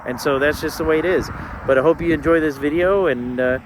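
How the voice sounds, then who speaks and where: A man's voice: a little high, fairly quick. A man from Colorado talking casually and informally as an amateur radio operator hosting an outdoor vlog, rambling as he goes. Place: outdoors in a state park. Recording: outdoor ambient and vehicle noise.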